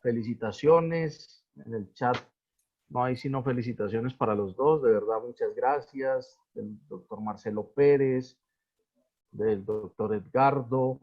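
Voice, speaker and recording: A man's voice: medium pitch, measured pace, lo-fi sound. A man moderating a video-call webinar, hesitant, with many fillers and restarts. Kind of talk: hosting a live video webinar.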